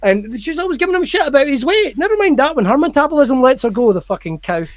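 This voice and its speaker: A Scottish man chatting as a podcast guest, ranting animatedly and swearing loudly. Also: extremely high pitch, big pitch swings, fast talker, no room sound. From Scotland. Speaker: guest comedian. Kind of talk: casual podcast chat.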